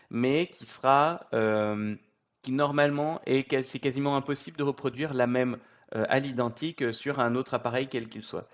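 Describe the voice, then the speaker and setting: A man of middle pitch walks through a software tutorial off the cuff, pausing often with fillers and restarting his sentences. His delivery is relaxed and explanatory, recorded on a computer mic while he works on screen. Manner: hesitant, many fillers and restarts.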